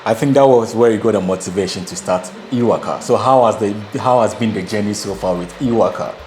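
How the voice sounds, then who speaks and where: A Ghanaian man hosts an interview in a vehicle showroom full of electric bikes, asking questions into a lapel mic and also delivering a voice-over intro. His voice is lowish and darkish, fairly quick, with a slight hiss or hum on the recording.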